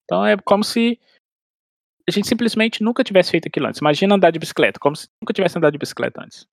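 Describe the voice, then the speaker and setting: A man's voice: high-pitched, lively intonation, racing, vocal fry, no room sound, studio quality. A man, explaining language learning in casual chat with everyday analogies and frequent restarts. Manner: explains with everyday analogies and acted-out inner dialogue. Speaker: language expert guest.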